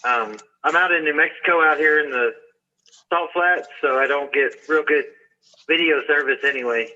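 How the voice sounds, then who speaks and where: A man's voice: fairly high pitch, normal speed, bright, forceful tone. A man calling into a court hearing over a speakerphone from work, talking in a hesitant, plain-spoken way. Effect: heard over a speakerphone. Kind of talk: casual phone talk. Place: at work outdoors. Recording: muffled speakerphone line.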